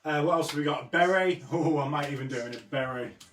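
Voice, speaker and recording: A man's voice: fairly high pitch, fast, a bit bright, faint music behind. A man chatting casually as he hosts a live drawing lesson, easygoing in manner, pronouncing his r sounds like w. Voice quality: says w for r. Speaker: host of an online drawing lesson. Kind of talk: casual live-stream chat while drawing. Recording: roomy echo, distant mic, faint noise.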